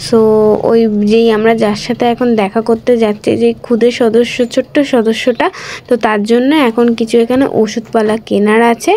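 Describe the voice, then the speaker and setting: A woman's voice: a little high, little pitch movement, normal speed, a little mellow. A woman narrating a casual vlog, explaining each step as she goes. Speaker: vlogger.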